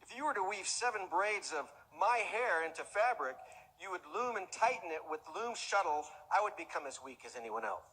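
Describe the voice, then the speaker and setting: A man's voice: high-pitched, sing-song, moderate pace, pushed and bright, husky, long reverb tail, exaggerated voice, rough recording. A man volunteer reading the part of Samson, a strong but foolish man, with a boastful delivery in a church skit.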